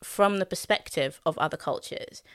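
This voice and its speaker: Young woman, lowish voice, relaxed candid talk, lots of "um" and "like". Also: normal speed, smooth, no echo, studio quality. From London, England. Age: young adult. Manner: thoughtful and candid, many fillers, laughs easily. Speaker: guest recalling her student years. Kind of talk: casual conversation.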